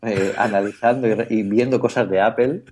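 Man, lowish voice, animated anecdote, laughs and restarts a lot, casual podcast chat. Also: a little fast. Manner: lively storyteller, laughs often, many restarts. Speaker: podcast co-host.

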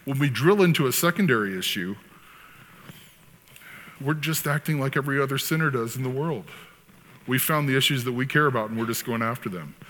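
Bright-voiced pastor in a reverberant hall. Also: male voice, medium pitch, brisk, long pauses, a little hiss or hum. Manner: conversational, sarcastic asides, acts out quotes. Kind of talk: sermon.

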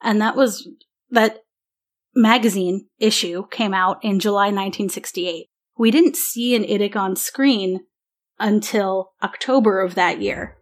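A woman's voice: mid-range voice, unhurried. A woman hosting a podcast, talking through dates and facts in a casual, informative way. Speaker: podcast host.

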